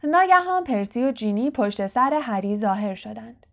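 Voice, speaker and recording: A woman reading a novel aloud as an audiobook narrator, steady and clear. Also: a little high. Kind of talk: scripted narration.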